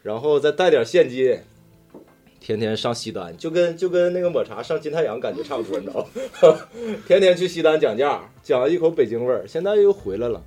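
A man's voice: a little high, sing-song, brisk, mellow, soft background music. A man from northeastern China with a Northeastern accent, chatting casually and telling personal anecdotes in an earthy, slangy way with some swearing. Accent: Northeastern Chinese. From Daqing, northeastern China. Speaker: talk show storyteller among friends.

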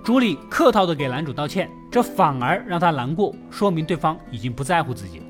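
A man's voice: fairly high pitch, big pitch swings, fairly quick. A man narrating a film recap in a chatty storytelling way, tossing in playful asides to the listener. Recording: voice-over over loud film music.

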